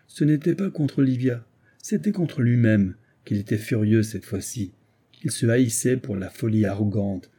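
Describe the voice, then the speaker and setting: Dark husky male audiobook narrator. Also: lowish voice. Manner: measured, literary reading. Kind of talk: scripted narration of a novel.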